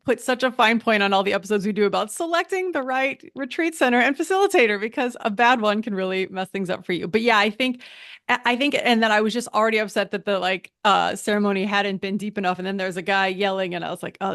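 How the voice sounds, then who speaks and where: A woman's voice: medium pitch, fast talker, a bit bright, dry recording, studio quality. A woman hosting a podcast, chatting casually with many restarts and asides. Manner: chatty, self-interrupting with frequent restarts. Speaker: podcast host. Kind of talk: conversational interview.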